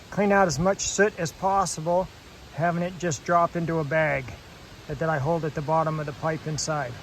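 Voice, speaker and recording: A man chatting casually as he vlogs outdoors on his rural property, relaxed and full of fillers, a bit out of breath. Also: a little high, slight background noise, poor audio. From Alaska. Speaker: homesteader vlogger. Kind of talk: casual outdoor vlog narration.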